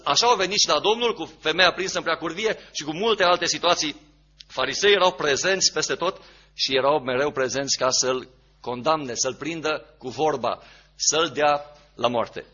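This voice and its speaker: A man's voice: sits high, bright, forceful tone, slightly rough, lo-fi sound. A man preaching a sermon, emphatic, repeating key phrases and asking rhetorical questions.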